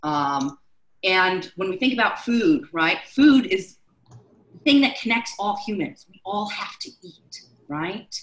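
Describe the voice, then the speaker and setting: A woman's voice: medium pitch, expressive, unhurried, a bit bright, reverberant, low-quality recording. A woman chef instructor from Chicago leading a live online class, chatty and loose with many fillers.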